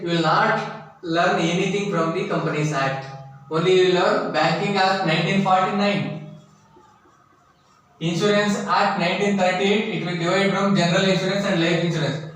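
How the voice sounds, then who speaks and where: A man giving a college classroom lecture, deliberately repeating items for note-taking, recorded from a distance in an echoey room. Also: high voice, fairly even intonation, fairly bright tone. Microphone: distant from the speaker. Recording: echoey room, distant mic, faint noise.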